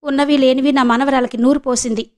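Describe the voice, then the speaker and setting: A woman's voice: sits high, fairly even intonation, fairly quick, a little mellow, close to an everyday voice. A woman voicing an anxious older grandmother who frets and mutters to herself. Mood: worried.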